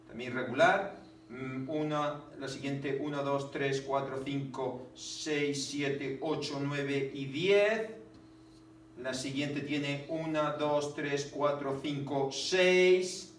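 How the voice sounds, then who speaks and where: Slow, halting male teacher in echoey room. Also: mid-range voice. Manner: slow and halting, many fillers, counts syllables aloud. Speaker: literature teacher. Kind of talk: classroom poetry lesson. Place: classroom. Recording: echoey room, distant mic, faint noise.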